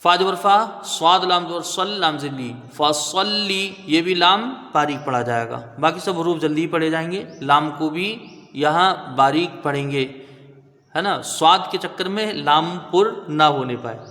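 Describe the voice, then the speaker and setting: A man teaching Quranic recitation, spelling out letters and then slowly chanting each word, often checking with "right?". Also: on the high side, sharp tone, in a large hall. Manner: patient, drawn-out chanting of each word, frequent "theek hai?" checks.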